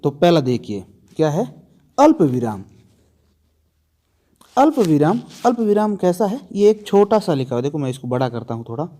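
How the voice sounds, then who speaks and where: Mellow-voiced grammar teacher, man. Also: on the high side, big pitch swings, normal speed, pauses often. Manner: asks the class questions and answers them himself; repeats key terms with emphasis. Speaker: exam-prep teacher. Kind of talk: Hindi grammar lesson for exam prep.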